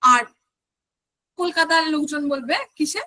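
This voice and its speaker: A woman's voice: high-pitched, unhurried, sharp tone. A woman teaching an online exam-prep lesson, explaining step by step and putting questions to her students.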